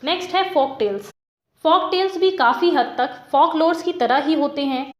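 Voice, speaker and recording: Woman, teacher, clear step-by-step explaining, high pitch. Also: moderate pace, reverberant, lo-fi sound. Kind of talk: explaining literary terms to students.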